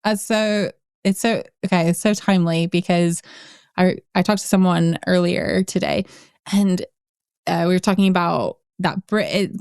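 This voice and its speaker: A woman's voice: lowish voice, darkish tone, clean tone, no room sound. Laughing, chatty woman host, dry sound. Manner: chatty, laughs often, many restarts and fillers. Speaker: podcast host. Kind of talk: casual interview chat.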